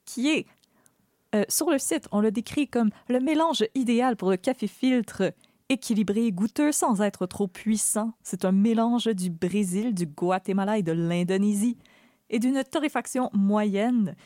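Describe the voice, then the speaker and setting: A woman's voice: medium pitch, measured pace, mellow, no room sound, clean studio sound. A woman with a Québécois French accent hosting a podcast in a chatty, giggly way. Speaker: podcast co-host. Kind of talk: casual podcast chat.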